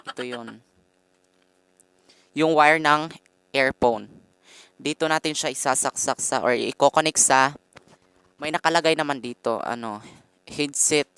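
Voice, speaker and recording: A man with a Filipino accent, giving a casual how-to vlog with lots of pauses and fillers, talking into a condenser microphone. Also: medium pitch, fairly bright tone, clean tone, dry recording. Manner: hesitant, fillers and frequent pauses; addresses viewers politely as guys. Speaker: vlogger. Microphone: condenser mic through a sound card.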